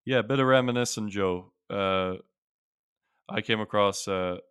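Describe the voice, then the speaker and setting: Smooth, low-voiced Irish man. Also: unhurried, fairly bright tone, dry recording. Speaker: podcast host. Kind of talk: casual sports chat.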